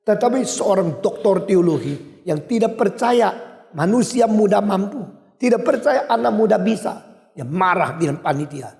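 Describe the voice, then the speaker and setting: An older male pastor with an Indonesian accent preaching a sermon with emphatic swings in loudness. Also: high-pitched, animated, moderate pace, creaky. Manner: emphatic, wide swings in loudness, switches briefly to English. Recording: echoey hall.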